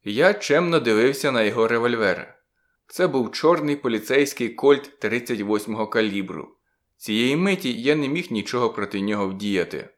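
A man narrating a first-person detective story in a measured, even audiobook reading. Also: mid-range voice.

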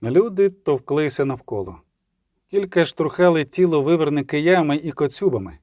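A man's voice: a little high, animated, moderate pace, a little mellow, dry recording. A man narrating a fantasy story steadily and evenly. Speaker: audiobook narrator.

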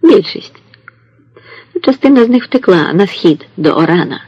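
A man voicing a wise old goatherd who speaks in a calm, measured way, in a storybook reading. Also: high-pitched, husky, dry recording, lo-fi sound, heavily acted.

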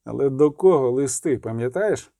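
A man voicing a cold, menacing male interrogator who speaks slowly and curtly. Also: medium pitch, lively intonation, gravelly, dark tone, no echo, studio quality. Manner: slow, curt, threatening.

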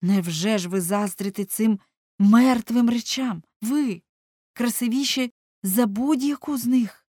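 A woman's voice: fairly low pitch, expressive, fairly quick, hardly any pauses, a little mellow, no room sound, clean studio sound. A woman reading aloud voices a devoted, emotional male painter who speaks earnestly and urgently. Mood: pleading.

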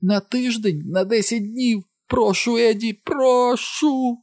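A man's voice: slow, darkish tone, no echo, clean studio sound, heavily acted. Man doing a wailing frightened wife. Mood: desperate. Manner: high clinging wail, begging. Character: frightened pleading middle-aged wife.

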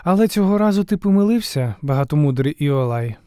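Man voicing a scheming queen, audiobook, higher smooth voice, theatrical pleading. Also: expressive, brisk, dark tone, no echo, clean studio sound, lightly acted. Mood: cool, defensive. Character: proud, scheming mature queen, woman. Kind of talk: audiobook character voice.

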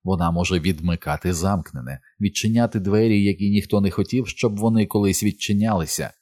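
A man voicing a proud, quietly menacing male fallen angel in an audiobook, speaking softly and suavely. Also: deep voice, no echo. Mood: silky. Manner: soft, suave and measured.

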